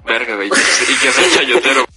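A man's voice: medium pitch, lively intonation, normal speed, echoey room, loud music behind the voice. A young Mexican man in casual chat, dropping dry, offbeat remarks. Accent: Mexican Spanish.

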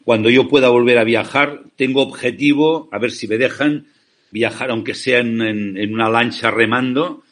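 A man's voice: mid-range voice, normal speed, fairly bright tone. A man from Spain, an ethical banking founder, giving passionate, persuasive interview answers over a remote call, often asking rhetorical questions.

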